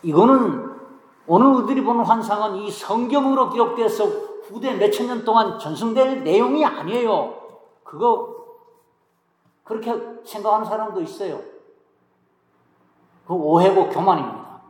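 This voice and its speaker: High-pitched guy preaching a sermon, asks questions then answers them, loud then quiet, long hall echo. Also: expressive, moderate pace, pauses often. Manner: preaching with rhetorical questions, emphatic swings in volume. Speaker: pastor. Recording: echoey hall.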